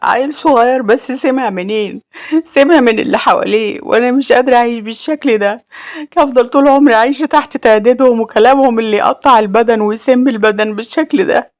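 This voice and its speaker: Woman playing a worn young egyptian wife, pleading and strained, higher tone. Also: fast talker, lightly acted. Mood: desperate. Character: young childless village wife, worn and desperate.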